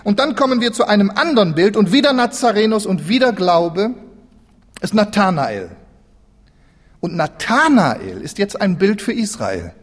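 Man, preacher, sermon, animated delivery, long church reverb. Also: sits high, normal speed. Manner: animated, acts out biblical figures in dialogue.

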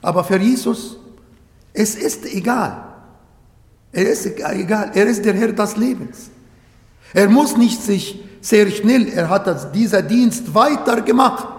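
A man preaching a sermon in an earnest, emphatic way with many pauses. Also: high-pitched. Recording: echoey hall with long reverb.

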